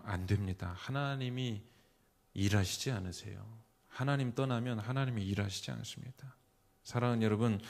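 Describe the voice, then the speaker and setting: In a church sanctuary, a middle-aged pastor with a mid-range voice preaches an emphatic sermon. He poses rhetorical questions to the congregation and swings between loud exclamations and quiet asides.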